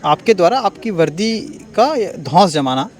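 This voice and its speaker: A man reporting from the field outdoors asks calm, probing questions. His voice sits a little high. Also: moderate pace. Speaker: news reporter.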